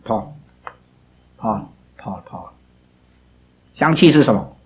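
A man's voice: lowish voice, lively intonation, slow, low-quality recording. A man teaching a Bible class, scolding students and drilling them with pointed questions.

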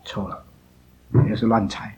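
A man's voice: on the low side, level tone, unhurried, poor audio. Scolding male Bible teacher. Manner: scolding, drilling students with rhetorical questions.

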